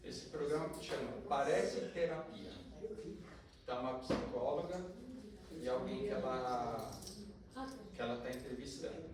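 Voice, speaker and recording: A man shares a family anecdote with a group in a relaxed, conversational way, at a mid pitch. He sounds far from the mic in a very echoey room. A steady background noise runs under his voice. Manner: conversational, recounting family stories. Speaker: participant sharing a story. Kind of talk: casual anecdote in a group talk. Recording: very echoey, distant from the mic, noisy.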